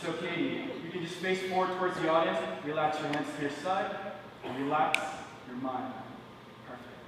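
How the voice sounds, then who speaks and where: A man's voice: on the high side, moderate pace, crowd noise. A young man in his twenties performing stage magic patter, joking playfully with an audience volunteer in a large theater. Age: 20s. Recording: echoey theater hall, distant mic.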